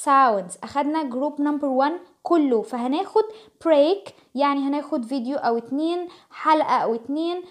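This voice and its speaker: A woman with an Egyptian Arabic accent teaching English pronunciation to children, repeating each word slowly and clearly. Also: high-pitched.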